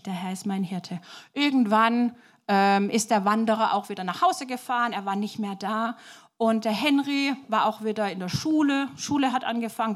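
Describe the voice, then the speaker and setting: A woman preacher telling a story to children in a lively way and asking the audience questions. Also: medium pitch.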